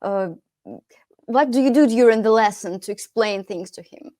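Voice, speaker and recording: Russian-accented woman host, fairly high voice. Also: warm tone, no echo, studio quality. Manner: quick, hesitant, many "uh" fillers. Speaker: podcast host, English teacher. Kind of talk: podcast interview.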